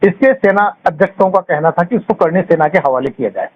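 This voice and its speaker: This is a phone call, muffled and clearly noisy, in which a high-pitched man speaking a little fast delivers a lengthy accusatory account. He's blunt and contemptuous, talks colloquially, and leans on rhetorical questions.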